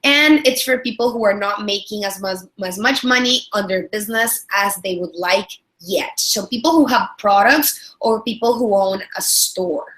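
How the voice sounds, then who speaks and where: Teaching a business webinar, this product strategist and trainer from El Salvador, a woman in her thirties, speaks warmly with a Salvadoran Spanish accent, often repeating herself and filling gaps with verbal fillers. She talks at a normal speed with few pauses, her medium-pitched voice a bit bright.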